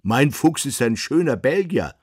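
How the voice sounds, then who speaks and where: A man voicing a short, gruff coachman who speaks bluntly and mockingly, raised in pitch and volume. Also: big pitch swings, unhurried, a little mellow, no echo, clean studio sound. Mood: scornful.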